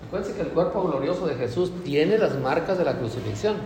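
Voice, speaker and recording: Male preacher, slightly high voice, emphatic sermon delivery with rhetorical questions, roomy echoing hall. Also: expressive, a little fast, slight background noise. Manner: emphatic, rising to loud declarations then dropping low; frequent tag questions to the congregation. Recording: echoey hall with faint ambience.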